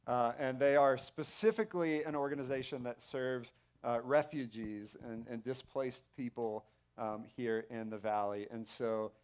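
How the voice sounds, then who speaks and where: A man hosting a church service, making loose, halting announcements with many fillers and restarts. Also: medium pitch, darkish tone, smooth. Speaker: church host. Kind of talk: casual stage announcements. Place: church sanctuary stage.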